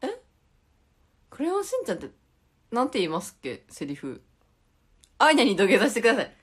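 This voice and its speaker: A woman's voice: a little high, huge pitch swings, fairly quick, a bit bright, slightly rough. A young woman with a Tokushima dialect, chatting casually on a live stream and reading viewer comments aloud with frequent giggles. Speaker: idol livestreamer.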